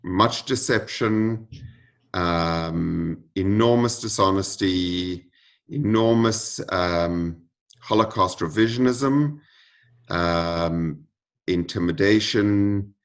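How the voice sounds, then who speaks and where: A man giving interview answers in a measured, solemn way. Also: low-pitched. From United States. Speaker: interview guest.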